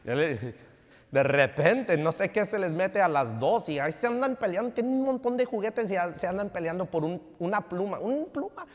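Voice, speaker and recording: A man's voice: high-pitched, animated, moderate pace. A man in his thirties, a pastor preaching a sermon, telling family stories and mixing Spanish with English. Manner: code-switching between Spanish and English, storytelling. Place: church sanctuary. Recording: long church hall reverb.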